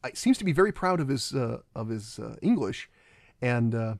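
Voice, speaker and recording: Halting, rambling male film commentator. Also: mid-range voice, very animated, vocal fry, no room sound, studio quality. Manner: halting and rambling, many restarts.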